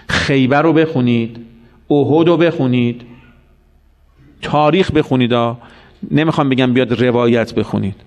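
A man's voice: mid-range voice, a little mellow. A man giving a religious sermon, telling stories and asking the listeners questions. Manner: storytelling with acted quotes and rhetorical questions. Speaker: preacher.

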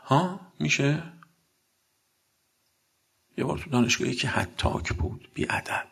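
A man's voice: medium pitch, gravelly, fairly bright tone, husky. A man giving a blunt sermon, telling combative anecdotes and acting out the dialogue.

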